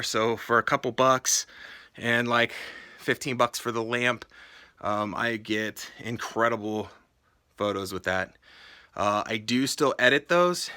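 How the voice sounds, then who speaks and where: A man's voice: medium pitch, sharp tone, smooth. A man giving a casual, plain-spoken explanatory tour of his reselling workspace inside a warehouse. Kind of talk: casual walkthrough vlog. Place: indoors in a warehouse.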